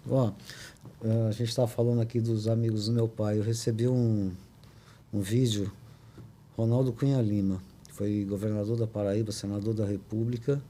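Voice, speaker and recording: An older man from Brazil, a podcast guest, telling a personal family story in a halting way, with many restarts and tag questions. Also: fairly low pitch, little pitch movement, dark tone, a little hiss or hum.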